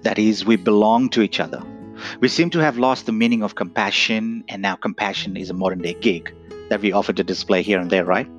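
A man's voice: lowish voice, steady tone. Guy from nepal giving an earnest talk, dull lo-fi sound, faint guitar behind. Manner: earnest, measured, says "right?" often. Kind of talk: reflective talk.

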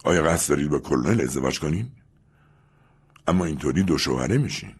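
Listen to a bitter, wronged rich man who questions and accuses in a deep, husky voice, as a narrator puts him on. His lines rise and fall with feeling. He comes from a storybook reading. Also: animated, exaggerated voice. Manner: stern, accusing. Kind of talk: audiobook character reading.

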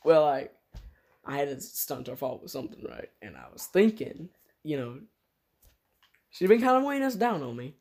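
A man's voice: on the high side, big pitch swings, normal speed, long pauses, darkish tone. A man playing a careless, shrugging genie. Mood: offhand. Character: careless laid-back male genie, cheerfully callous. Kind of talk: improvised comedic story.

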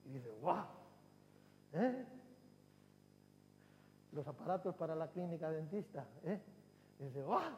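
Pastor preaching in a hall. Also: male voice, fairly high pitch, animated, takes it slowly, pauses often, warm tone. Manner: preaching with swelling emphatic cries and repetitions. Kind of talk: sermon. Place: church hall. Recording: long hall reverb, faint hum.

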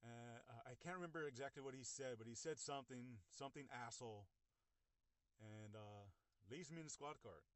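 A young man tells his own story in a casual, halting way, stumbling over fillers and restarting his sentences. His wording is blunt and salty. The recording is dry with no room sound. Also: medium pitch, smooth, no echo. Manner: halting, full of "uh" and "like", frequent restarts. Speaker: person recounting his own experience. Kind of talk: casual first-person storytelling.

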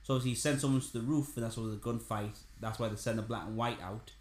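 A man's voice: medium pitch, fairly even intonation, quick pace. Chatty man, roomy sound. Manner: chatty, repeats himself, frequent "aye". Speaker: podcast co-host. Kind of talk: casual film chat. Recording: roomy echo.

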